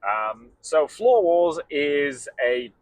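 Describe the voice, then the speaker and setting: A man co-hosting a podcast, relaxed and rambling in casual chat. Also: a little high, very slow, dry recording, poor audio. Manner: relaxed, rambling with fillers like "um" and "you know". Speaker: podcast co-host.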